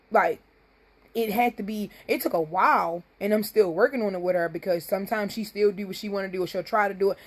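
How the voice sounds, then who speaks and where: A woman, hosting a live talk show in a blunt, profane, emphatic monologue. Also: medium pitch. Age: 30s.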